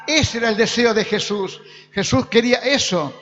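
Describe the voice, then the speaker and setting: A man's voice: extremely high pitch, normal speed, fairly bright tone, long reverb tail, lo-fi sound. A man preaching a sermon as pastor, building emphatic repeated phrases. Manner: preaching with rising emphatic repetition.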